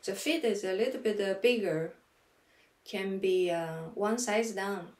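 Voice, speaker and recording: Slow halting woman vlogger, echoey room. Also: mid-range voice, darkish tone. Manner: halting, with many pauses and fillers. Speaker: fashion vlogger. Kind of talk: casual unboxing and try-on. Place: small room at home, indoors.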